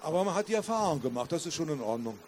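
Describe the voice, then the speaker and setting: A man reads aloud from his own novel. His voice sits a little high, and his reading is calm and measured, with a steady storyteller's flow. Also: slight background noise. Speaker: author reading his book.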